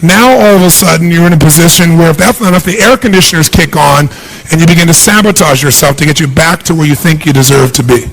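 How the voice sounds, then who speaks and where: A middle-aged man giving a punchy, energetic seminar speech to a large audience in a big hall, asking the crowd questions. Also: fairly high pitch, fast talker, creaky. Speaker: motivational speaker.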